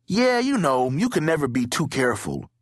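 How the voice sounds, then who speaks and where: A man voicing a jumpy, self-protective twelve-year-old boy who talks loud and excitable. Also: on the high side, normal speed, no echo, clean studio sound, voice pushed up. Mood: wary.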